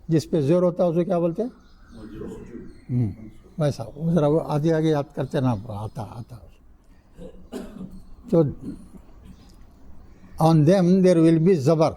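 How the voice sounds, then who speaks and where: Older male teacher, mellow, slightly raised voice, keeps quizzing the class and drilling the rules. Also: fairly high pitch. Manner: asks the class questions and answers them himself, repeats key rules. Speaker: Arabic grammar teacher. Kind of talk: classroom lecture. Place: mosque classroom.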